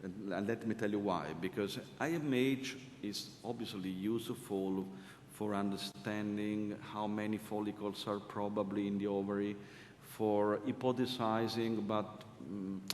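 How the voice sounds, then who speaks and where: A man's voice: steady tone, a little slow, darkish tone. A man answering questions as a panelist at a conference discussion, explaining emphatically with frequent hesitations. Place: conference hall. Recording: reverberant conference hall, faint rumble.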